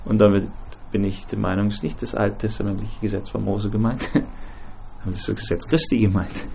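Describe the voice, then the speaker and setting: A man teaching a Bible study group, talking in a halting way with many fillers and restarts and asking the group questions. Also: on the low side, fairly even intonation, creaky, warm tone, slight background noise.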